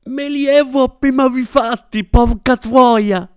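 A stern officer of the law yells his commands in a strained, raised voice, as a male narrator puts him on. The sound is dry and close, with no room around it. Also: very high voice, sing-song, normal speed, clean tone, no echo, voice pushed up, full character voice. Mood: pained. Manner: barked commands, shouted. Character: stern young male carabiniere ordering a halt.

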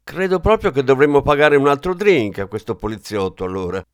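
A man voicing a sneering, taunting male thug, pitched a bit higher and louder. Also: expressive, a little fast, clear, resonant tone, no room sound, studio quality, lightly acted.

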